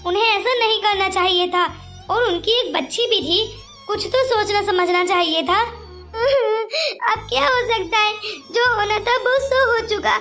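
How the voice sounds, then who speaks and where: Cartoon role: poor gentle young woman, voiced by a woman, pleading tone, very high and bright. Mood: sad. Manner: pleading and tearful.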